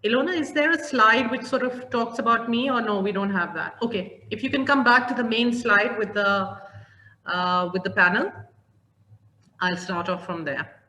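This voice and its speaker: A woman's voice: fairly high pitch, moderate pace. Pakistani-born woman on an echoey webinar call. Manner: warm, with many fillers and restarts. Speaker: CEO of a training company, webinar panelist. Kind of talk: online webinar talk. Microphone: video call. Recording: echoey room, faint background noise.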